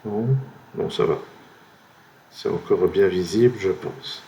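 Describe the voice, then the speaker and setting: Slow-musing French man guessing words. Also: low voice, gravelly, warm tone. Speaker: gamer playing a word-guessing game. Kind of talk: thinking aloud while playing. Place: at home by his computer.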